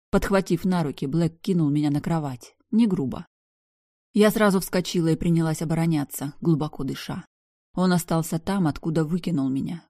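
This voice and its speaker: A woman giving expressive first-person narration of an audiobook. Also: sits low, dry recording, clean studio sound.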